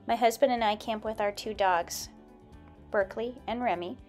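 A woman's voice: fairly high pitch, moderate pace, a little mellow, faint music behind. Woman narrating a DIY build. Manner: plain, step-by-step explanatory. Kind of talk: instructional voice-over narration.

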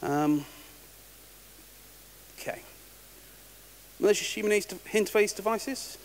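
This conference speaker's voice sits high and moves a little slowly as he gives a technical talk, casual and wry, often starting words over. The setting is a large conference hall, recorded with reverberation and a faint hiss.

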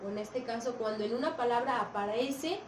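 A woman's voice: on the high side, a little fast, reverberant, recorded from a distance, slight background noise, poor audio. A woman with a Mexican accent, a primary school teacher giving a recorded video lesson, patient, repeating points and checking often that the children follow. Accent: Mexican Spanish.

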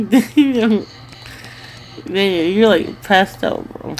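A woman chats casually with a sleep-talking partner at home. She teases and prods, repeating her questions in a medium-pitched voice. Faint noise runs behind her. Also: expressive, extremely slow. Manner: teasing, repetitive prodding questions. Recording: noisy home recording.

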